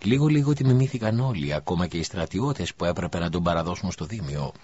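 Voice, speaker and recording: A man narrating an audiobook in a calm, measured reading voice. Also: low voice, slightly rough. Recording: dull lo-fi recording.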